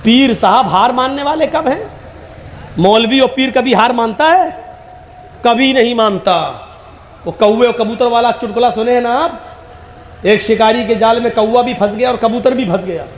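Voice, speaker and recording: A man's voice: very high voice, moderate pace, echoey room, slight background noise. A man preaching a sermon, mixing jokes with emphatic, sing-song recitation. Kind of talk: sermon with humorous stories.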